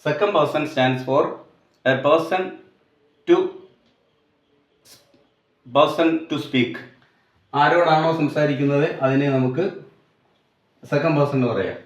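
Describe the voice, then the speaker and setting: Slow Malayali-accented male grammar teacher. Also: on the high side. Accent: Malayali English. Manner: slow, deliberate explaining, mixing English terms into Malayalam. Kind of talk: grammar lesson. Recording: echoey room, dull lo-fi sound.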